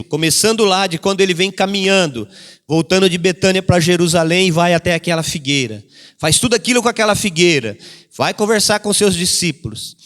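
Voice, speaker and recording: A man preaches in a high voice and hammers his key phrases again and again. He briefly acts out the voices of the people he quotes. The sound rings with the long reverb of a church hall. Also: a bit bright. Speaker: pastor. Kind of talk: sermon.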